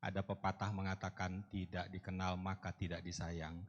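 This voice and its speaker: A man's voice: deep voice, little pitch movement, moderate pace, lo-fi sound. A middle-aged man from North Sumatra, giving a friendly, joking talk to a church group. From North Sumatra, Indonesia. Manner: chatty, self-joking, with fillers. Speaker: guest speaker. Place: church hall. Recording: long reverb in a hall.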